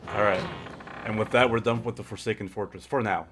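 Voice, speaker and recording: Low-voiced man streaming a game. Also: fairly even intonation, brisk, background noise. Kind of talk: casual gameplay commentary. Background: game music.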